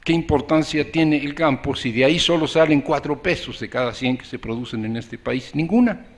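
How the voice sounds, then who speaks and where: A man giving an interview answer in an emphatic way, posing rhetorical questions. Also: on the high side.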